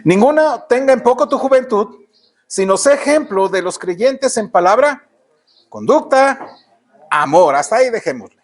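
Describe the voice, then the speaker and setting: A man's voice: extremely high pitch, big pitch swings, normal speed. A man with a Mexican Spanish accent preaching a sermon in church, often asking the congregation rhetorical questions. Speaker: pastor.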